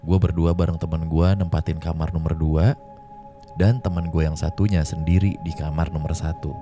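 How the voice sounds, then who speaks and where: A man hosting a podcast, reading out a listener's ghost story in a slangy, conversational way and slowing down for suspense. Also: extremely low pitch, level tone. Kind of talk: casual horror storytelling. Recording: clear music bed behind. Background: music.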